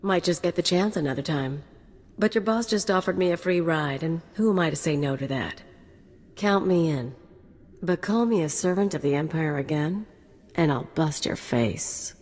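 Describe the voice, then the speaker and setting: An actress with a low, darkish, animated voice at a moderate pace plays a cocky, reckless female mercenary, sardonic and flippant. The game audio carries a long reverb.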